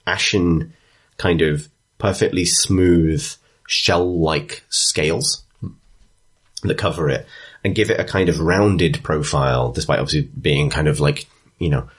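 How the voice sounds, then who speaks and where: Low husky-voiced game master. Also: male voice, a bit bright. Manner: descriptive, chatty, laughs often, with frequent restarts. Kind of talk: narrating a tabletop game.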